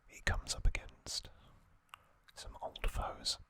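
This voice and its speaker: Whispering breathily without voicing, an ASMR host offers commentary in a sharp tone. The short phrases come slowly and deliberately, separated by pauses.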